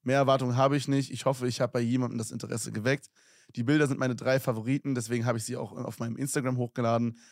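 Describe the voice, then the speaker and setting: A man's voice: mid-range voice, little pitch movement, quick pace, vocal fry, dry recording. Young guy on a podcast reading out fan messages, slangy and chill, dry close mic. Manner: slangy, laughing, reads messages aloud. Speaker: podcast co-host. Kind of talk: casual chat, reading listener messages.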